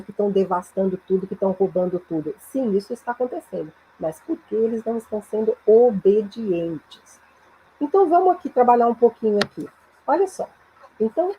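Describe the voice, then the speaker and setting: A Brazilian woman teaching English through Bible passages, explaining slowly and repeating phrases in both languages, checking in with "né?" and "certo?". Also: mid-range voice, mellow, breathy edge, low-quality recording. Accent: Brazilian Portuguese. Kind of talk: bilingual Bible-based English lesson.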